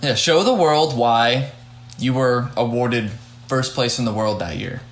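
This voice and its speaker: A young man hosts a laid-back podcast and talks things over in a middle-pitched voice. He hedges often, restarts his sentences and fills gaps with "like" as he thinks aloud. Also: reverberant. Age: young adult. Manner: halting, hedging, many restarts. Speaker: podcast host and judge. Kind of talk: casual podcast chat.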